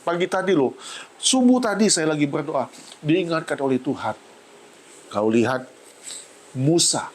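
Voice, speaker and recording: A man preaching a heartfelt church sermon, his voice climbing high when he is moved and sounding tearful. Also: poor audio. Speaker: pastor. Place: church service.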